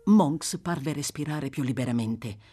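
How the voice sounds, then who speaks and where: A woman reading a classic novel aloud for radio, with careful, expressive phrasing. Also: a bass voice, measured pace, loud music behind the voice. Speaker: audiobook reader. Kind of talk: literary narration for radio.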